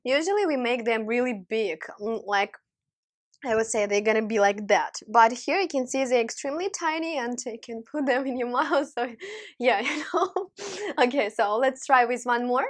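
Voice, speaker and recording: A woman's voice: on the high side, moderate pace. A young woman hosting a casual food-tasting vlog, savoring each dish with appreciative hums and enthusiastic praise. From Ukraine. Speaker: vlog host.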